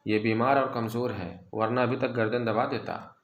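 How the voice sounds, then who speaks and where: A brusque, hot-tempered young man speaks at an ordinary pitch, read by a male narrator. He sounds blunt and ready to argue, and the room adds a noticeable echo. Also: fairly even intonation, normal speed, lightly acted. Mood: explaining. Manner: brusque, scolding.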